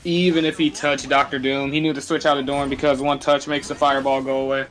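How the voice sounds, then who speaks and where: A man's voice: mid-range voice, level tone, quick pace, fairly bright tone, rough recording. A man giving casual live play-by-play commentary on a fighting game. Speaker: esports match commentator.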